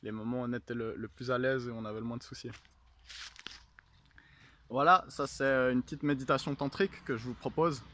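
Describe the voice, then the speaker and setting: Guy with a normal pitched voice teaching meditation, informal instructor style. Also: fairly even intonation, brisk, pauses often, pushed and bright.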